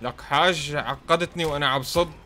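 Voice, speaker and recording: A man commentating his own fighting-game match, excitable and teasing his opponent as he plays. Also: a little high, a little fast, a little hiss or hum. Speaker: gaming channel host. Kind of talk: gameplay commentary.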